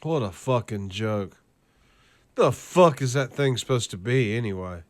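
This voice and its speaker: Guy doing angry sarcastic commentary, swears a lot, talks slow and drawn out. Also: mid-range voice. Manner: profane, scornful and sarcastic; reads out lists in a flat, steady cadence. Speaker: host of a current-events video channel. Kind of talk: ranting commentary over clips.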